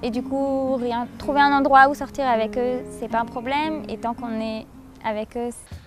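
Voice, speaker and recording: A woman's voice: on the high side, fairly even intonation. Young Parisian woman over guitar music. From France, Paris. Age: 20s. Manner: earnest, halting with frequent fillers. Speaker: university student. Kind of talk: testimonial interview. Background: plucked guitar music.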